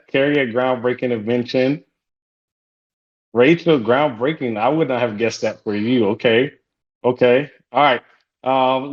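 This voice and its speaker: The audio is dull as a man with a mid-range voice, Haitian Creole being his first language, leads an online support group. His hosting is casual and upbeat, with repeated welcomes.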